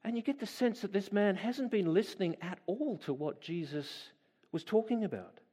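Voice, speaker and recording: A man with a fairly high voice delivers a sermon. He reads a scripture passage aloud, then talks it through in a relaxed, musing way, asking his listeners questions as he goes. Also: normal speed, breathy edge, in a large hall. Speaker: preacher.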